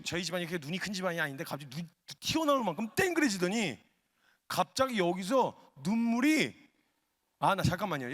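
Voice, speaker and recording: A male missionary preaching a humorous story-driven sermon, animated and acting out quotes, at a worship gathering. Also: sits high. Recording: long hall reverb.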